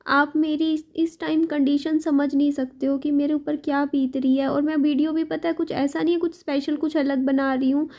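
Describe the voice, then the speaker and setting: High-voiced young woman venting her worries. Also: level tone, moderate pace, few pauses, darkish tone. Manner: worried, venting, talks to viewers directly. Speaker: vlogger. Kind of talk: confessional vlog while cooking. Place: home kitchen. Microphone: camera set up nearby.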